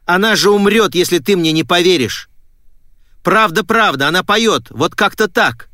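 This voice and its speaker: A man doing an urgent, excited little girl. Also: sits high, moderate pace, dry recording, clean studio sound, pitched above the performer's own voice. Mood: pleading. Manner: breathless, pleading shouts.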